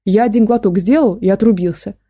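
A woman's voice: mid-range voice, fairly quick, dark tone, husky, natural voice. A woman voicing a weak, mild-mannered middle-aged man recovering from poisoning, in an audiobook.

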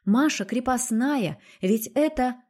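A woman's voice: a little high, expressive, takes it slowly, darkish tone, pitched above the performer's own voice. A woman voicing a proud, tearful young lady. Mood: tearful firm. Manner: tearful yet dignified. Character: young noblewoman, emotional, proud.

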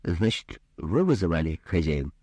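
A man doing a gruff greedy doctor. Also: on the low side, sing-song, measured pace, mellow, no echo, exaggerated voice. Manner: brusque, condescending, grumbling. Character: greedy gruff male doctor, rude and businesslike.

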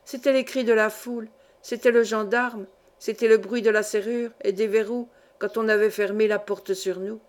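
An audiobook narrator, a woman with a mid-range voice, reads a classic novel aloud in an even, measured storytelling manner.

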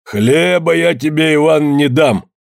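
A man's voice: a little high, a little slow, gravelly, husky, no echo, studio quality, voice pushed up, heavily acted. A man doing a harsh, stingy peasant. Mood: curt. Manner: curt, shouting.

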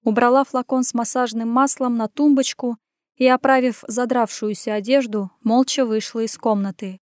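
Female audiobook narrator, first-person heroine, fairly high voice, dry close sound. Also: steady tone, moderate pace, no room sound.

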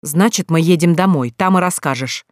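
An audiobook narrator voicing an angry young man scolding his runaway teenage sister, loud and insistent, in a dry recording. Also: medium pitch, moderate pace, slightly rough, no echo, lightly acted. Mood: furious. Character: angry older brother, young man, stern and commanding.

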